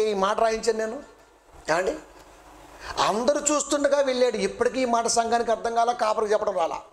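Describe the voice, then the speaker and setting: A man preaching a sermon, blunt and colloquial, driving his points home with rhetorical questions. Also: extremely high pitch. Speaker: preacher and bible college director.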